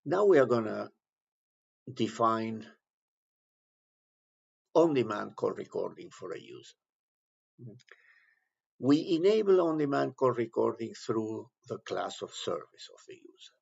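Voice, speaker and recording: Very animated, a man with a low and very gravelly voice talks through a software task one step at a time. His instructor-style explanation comes in short, halting phrases over a somewhat dull, lo-fi recording of a screen tutorial.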